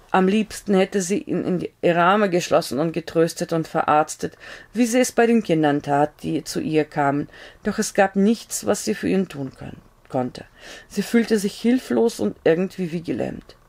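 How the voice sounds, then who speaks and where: A woman reading a novel aloud as audiobook narrator, steady storytelling with small slips. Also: on the low side, gravelly.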